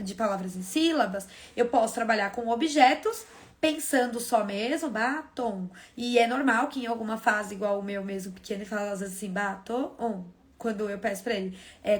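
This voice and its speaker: A woman hosting a live stream for teachers, explaining step by step and asking and answering her own questions. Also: a little high. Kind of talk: casual teaching talk.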